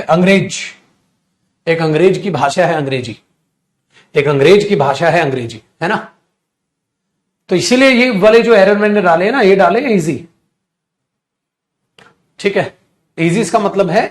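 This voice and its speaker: A middle-aged man with an Indian accent teaching a live online English grammar class, dictating sentences slowly and then correcting the students quickly and fondly. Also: high-pitched.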